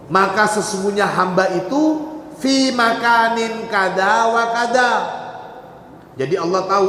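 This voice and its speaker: High-voiced man teaching religious text, echoey hall. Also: fairly bright tone, a little hiss or hum. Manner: reads Arabic phrases, then explains each. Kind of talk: kitab study sermon. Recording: echoey hall with long reverb.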